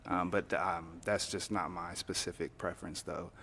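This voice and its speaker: A man's voice: low voice, flat delivery, moderate pace, a bit bright, slight background noise. A man on a dating show explaining himself hesitantly, with many ums and restarts. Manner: hesitant, filler-heavy. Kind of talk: conversation.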